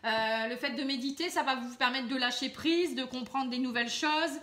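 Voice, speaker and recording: A woman doing a casual card reading, chatty and gently advising the viewer, with many filler words. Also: high-pitched, moderate pace. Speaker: card reader. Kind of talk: casual tarot reading to camera.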